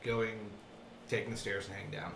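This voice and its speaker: A man's voice: lowish voice, little pitch movement, fairly quick, creaky. A man chatting casually as a player in a tabletop game. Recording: echoey room, loud music behind.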